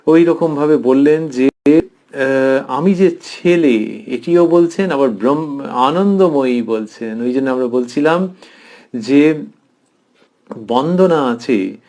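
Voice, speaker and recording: A man giving a devotional lecture commentary as a professor, reflective and tender, pausing thoughtfully and slowing down to dwell on phrases. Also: mid-range voice. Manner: thoughtful pauses with soft fillers.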